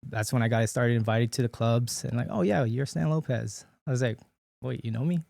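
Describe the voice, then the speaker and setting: A man's voice: mid-range voice, steady tone, fairly quick, creaky, darkish tone, no echo, studio quality. A man in his late thirties, born in the Philippines and raised in Hawaii, telling his story as a podcast guest in a loose, chatty way full of fillers and restarts. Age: late 30s. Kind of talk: casual conversational interview.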